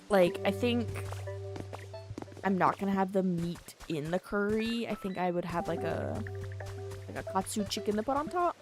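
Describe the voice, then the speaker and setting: A young adult woman streaming a game, chatting casually and rambling with many fillers. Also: mid-range voice. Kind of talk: casual gaming stream chat.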